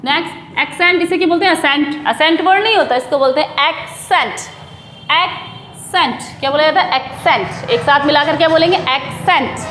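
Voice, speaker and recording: A woman's voice: high-pitched, very fast, hardly any pauses, a bit bright, a little hiss or hum. A woman teaching English pronunciation in Hindi. She drills each word by repeating it several times and asks questions back to her viewers. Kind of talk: classroom-style pronunciation lesson. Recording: echoey room with faint ambience.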